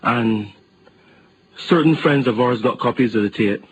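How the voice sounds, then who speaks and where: Hesitant radio guest from Barbados. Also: male voice, medium pitch, measured pace, noisy background. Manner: hesitant, repeats words.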